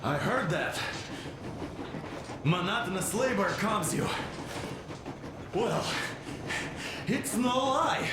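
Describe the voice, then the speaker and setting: A man's voice: sits high, expressive, slow pace, pauses often. A man playing a weary, wry labourer in a video game, speaking. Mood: wry, amused. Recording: very echoey, noisy game audio.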